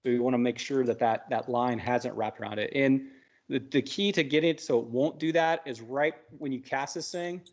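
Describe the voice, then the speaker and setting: A man co-hosting a live fishing talk show, chatty and instructive, his voice a little worn. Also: mid-range voice. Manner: chatty, instructive, quick asides. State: losing his voice. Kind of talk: casual live-stream chat. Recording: dull lo-fi stream audio.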